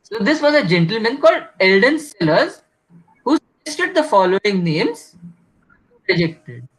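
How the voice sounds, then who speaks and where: A man with an Indian accent hosting an online quiz over a video call. His audio is glitchy and corrupted, and it keeps breaking up and cutting out as he reads each question slowly. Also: sits high, sing-song, fairly bright tone, breathy edge, poor audio. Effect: glitchy, corrupted audio that breaks up and cuts out. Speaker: quizmaster.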